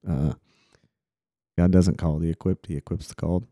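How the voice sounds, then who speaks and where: A man's voice: sits low, fairly even intonation, moderate pace, mellow, dry recording, studio quality. A man, hosting a casual Bible study talk in an earnest, reflective way and acting out quotes. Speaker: podcast host.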